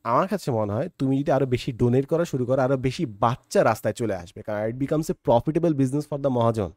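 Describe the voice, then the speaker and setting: Here the host, a man from Bangladesh, talks reflectively and casually to the listener, blending English into his Bengali. He speaks a little fast in a medium-pitched, slightly mellow voice, recorded dry at studio quality.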